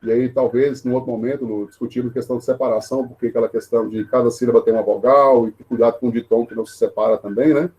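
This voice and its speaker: A man's voice: medium pitch, steady tone, a little mellow, husky. A male teacher giving a remote online grammar lesson, explaining rules step by step with frequent tag questions. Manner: explanatory, many tag questions, repeats himself; says he talks fast.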